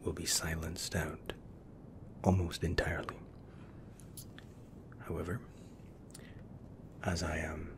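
A man's voice: low-pitched, background noise. A man in his thirties in an ASMR role-play as an attentive, reassuring first-class flight attendant with formal, soothing service patter.

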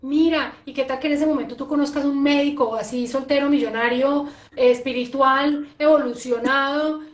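High-voiced animated woman. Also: moderate pace. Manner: animated, expressive, repeats phrases. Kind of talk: conversational interview. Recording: echoey room.

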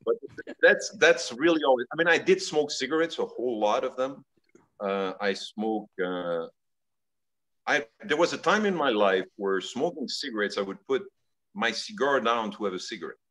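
A middle-aged man from Belgium, a guest telling stories in a relaxed way over a video call from his home study. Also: mid-range voice, normal speed, rough recording. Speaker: guest, cigar company executive.

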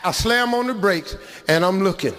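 A middle-aged man doing stand-up comedy, telling a story in an animated, loud, rambling way. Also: high-pitched, moderate pace, in a large hall. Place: comedy club stage.

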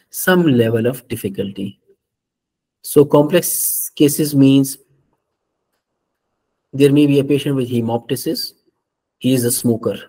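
A male instructor giving an orientation talk on a medical exam course. His delivery is measured and explanatory, with slightly non-native phrasing. His voice sits at an ordinary pitch for a man. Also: a little mellow, rough recording. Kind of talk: orientation lecture.

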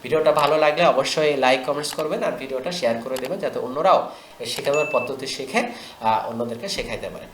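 A man teaching Quran reading, slowly drilling syllables and repeating them, with English words mixed in. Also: medium pitch, reverberant, slight background noise. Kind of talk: step-by-step recitation lesson.

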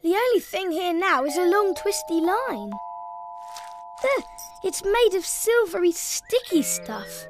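An actor voicing a cheerful, helpful young cat in a preschool cartoon, asking clear, encouraging questions. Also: extremely high pitch, sing-song, slow pace, over music, heavily acted. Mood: curious, upbeat. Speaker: lead character addressing young viewers. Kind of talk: preschool animated show dialogue.

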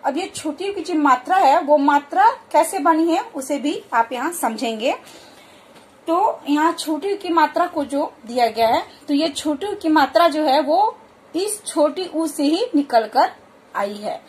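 A woman teaching a children's alphabet lesson, patiently repeating each word slowly for practice. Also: high-pitched, animated, a little mellow. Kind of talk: explaining a Hindi alphabet lesson.

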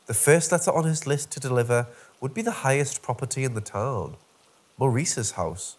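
Husky man narrating a horror story. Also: medium pitch, animated, moderate pace. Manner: wry, dark-humoured storytelling. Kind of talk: scripted first-person horror narration.

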